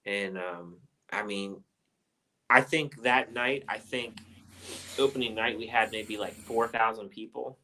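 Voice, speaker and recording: A man with a fairly low voice and a bright, forceful tone hosts a casual film chat. He rambles loosely, circling back through his points with plenty of ums and uhs. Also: unhurried, a little hiss or hum, low-quality recording. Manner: loose, rambling delivery with many fillers. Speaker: host of a movie review chat.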